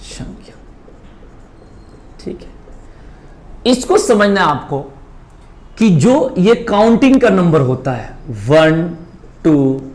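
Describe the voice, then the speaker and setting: A man teaching maths in a coaching class, explaining slowly and asking check questions again and again. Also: high voice, big pitch swings, a little mellow. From India. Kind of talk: classroom lesson at a whiteboard.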